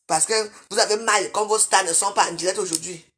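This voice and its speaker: A combative woman rants live at her viewers. She talks into a phone in her bedroom, alternately loud and scolding, then dropping to low mutters. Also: steady tone, brisk. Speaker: livestreamer. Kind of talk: live video rant at viewers.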